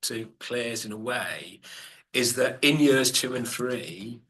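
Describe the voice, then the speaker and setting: A man contributes to a board meeting over a video call. His voice is mid-pitched with a bright edge. He talks thoughtfully, pausing often with ums. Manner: hesitant, many ums, thoughtful. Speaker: board member.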